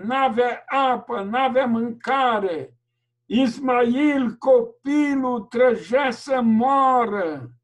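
A man preaching a fervent sermon over a video call, breaking into loud outbursts and slowing down to draw out his phrases. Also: extremely high pitch.

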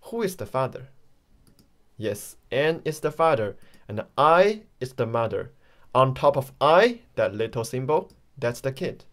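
Slow, encouraging man teaching pronunciation. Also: medium pitch, big pitch swings, fairly bright tone. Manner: friendly and encouraging, addresses learners directly; non-native grammar. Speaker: Mandarin teacher. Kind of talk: slow online pronunciation lesson.

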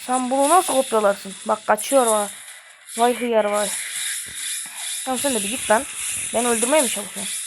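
A woman hosting a gaming channel, giving excitable, slangy live commentary and trash-talking the game as she plays. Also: a little high, normal speed, long pauses, background noise. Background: game music.

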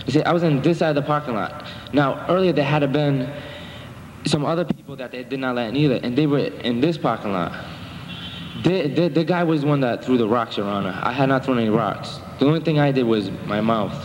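A young man, mid-range and a little fast, testifies as a defendant in a municipal courtroom, rambling defensively and leaning on lots of fillers. The recording is echoey with faint noise.

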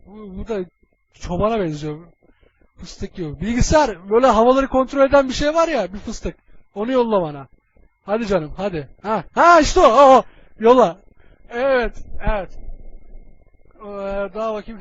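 A man's voice: high voice, highs cut off. A man voicing a crude young superhero who mutters to himself and swears while ordering his computer around, in a comedic fan dub. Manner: mumbling to himself, casual swearing.

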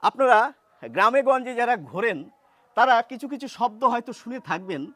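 A man giving an explanatory language lesson, asking listeners questions and slowly repeating example words, with some hesitant fillers. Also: extremely high pitch, animated, bright, forceful tone, dry recording. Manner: hesitant fillers while thinking. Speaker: language teacher.

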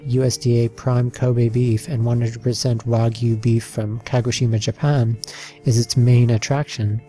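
A man reads a slideshow narration at a middle pitch. His tone is warm and mellow, and his delivery is an even, listing read with the occasional slip. Soft background music plays underneath.

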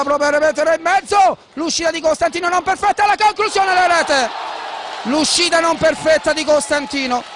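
A man giving excited, breathless live football commentary, calling goals in urgent short bursts. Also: extremely high pitch. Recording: noisy open stadium ambience.

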